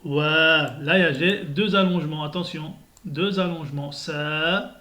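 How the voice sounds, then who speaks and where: A man teaching a beginner Arabic lesson, reading syllables slowly and deliberately and clearing his sore throat often. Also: on the high side, sharp tone.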